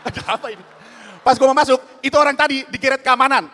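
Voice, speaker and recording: A man doing an animated stand-up comedy routine on a hall stage, acting out other people's voices. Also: very high voice, fast talker, slight background noise. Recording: long hall reverb, faint ambience.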